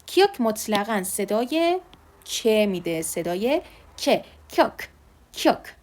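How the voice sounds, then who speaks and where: A woman teaching Korean letters, patiently repeating each sound slowly. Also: mid-range voice, big pitch swings, a little mellow. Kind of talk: online alphabet lesson.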